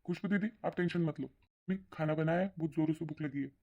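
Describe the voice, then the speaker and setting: A woman voicing a caring young adult son and brother in a cartoon, asking quick, concerned questions. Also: sits low, warm tone. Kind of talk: cartoon voice acting. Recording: dull lo-fi sound.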